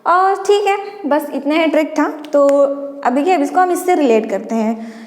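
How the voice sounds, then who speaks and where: A woman's voice: high-pitched, expressive, normal speed. A woman teaching an exam-prep lesson, walking students through a memory trick step by step and often prompting them to look. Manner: explains step by step, often says "dekhiye" to prompt listeners. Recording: echoey room with long reverb.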